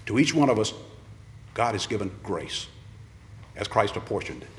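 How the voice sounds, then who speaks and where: A man's voice: fairly low pitch, sing-song, moderate pace. A man preaching an earnest ordination sermon, repeating his refrains. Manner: earnest, repeats refrains, acts out quoted voices. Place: church. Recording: long reverb of a large church.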